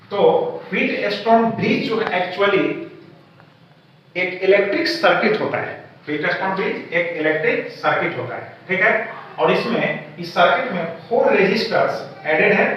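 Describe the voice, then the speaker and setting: A man teaching a physics lesson, explaining each step and often checking with the class. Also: sits high. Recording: echoey room, distant mic, dull sound, faint hiss.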